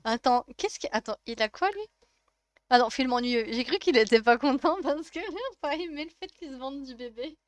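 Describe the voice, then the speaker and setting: Une jeune femme streameuse commente sa partie de jeu vidéo sur un ton décontracté, bavarde, elle rit souvent et taquine les personnages. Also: female voice, high-pitched, lively intonation, normal speed, no room sound. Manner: chatty, laughs often, teasing the game characters. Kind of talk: casual let's-play commentary.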